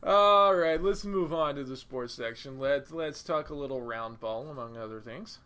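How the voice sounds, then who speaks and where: Podcast guy with a bright edgy voice, tosses out puns, lots of uh's. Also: a little high, normal speed. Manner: punning, hesitant with many uh fillers. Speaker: podcast co-host. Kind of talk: casual podcast chat.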